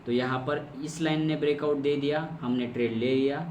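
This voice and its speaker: This trading course instructor speaks at a normal speed with medium pitch, fairly even intonation, and a slightly mellow sound whose highs are cut off. In his screen-recorded chart lesson he goes step by step, repeats key terms, and questions himself, with a distant mic, room echo, and faint noise.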